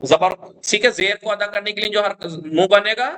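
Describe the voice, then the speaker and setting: A male teacher whose voice sits high with a sharp tone guides students through Quran recitation in a classroom. Patient in his explanations, he voices the vowels as examples and repeatedly confirms everyone is with him.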